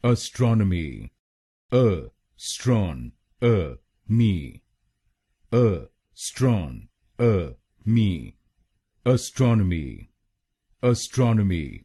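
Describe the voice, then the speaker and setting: Slow, breathy male pronunciation teacher. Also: lowish voice, mellow. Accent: Indian. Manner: spells out syllables slowly and repeats each sound. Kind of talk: slow instructional explanation.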